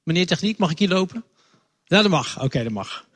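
A man's voice: high-pitched, sing-song, brisk, fairly bright tone. A Dutch man, a lay preacher, giving a friendly, chatty children's sermon in a church hall and talking directly to the kids while moving around with a wireless microphone. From Netherlands.

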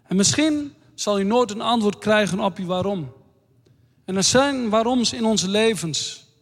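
A man preaching a sermon in a slow, earnest way, reading scripture aloud. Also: sits high, lively intonation. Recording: long hall reverb.

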